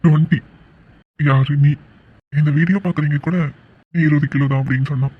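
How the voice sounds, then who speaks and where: A man's voice: on the high side, steady tone, fairly quick, slightly rough, no room sound, phone-quality sound. A man voicing a joking young man who teases his sweetheart with mock-polite sarcasm in a cartoon love story. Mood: teasing. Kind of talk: cartoon voice acting.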